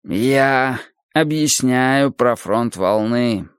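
Brief: man doing a calm, sorrowful philosopher-teacher for an audiobook, slow and measured, lively pitch, dry read. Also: no room sound. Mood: musing. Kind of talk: audiobook character reading.

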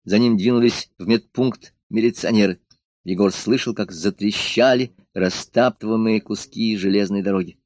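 Steady male audiobook narrator, dry sound. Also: on the low side, normal speed, no room sound. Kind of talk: scripted narration of a novel. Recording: dull dry lo-fi studio recording.

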